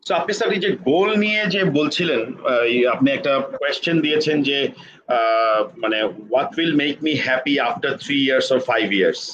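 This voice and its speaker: A man's voice: medium pitch, measured pace, a bit bright. A man moderating a live online training session, polite and hesitant with many fillers, heard over a video call. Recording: dull lo-fi call audio with faint noise.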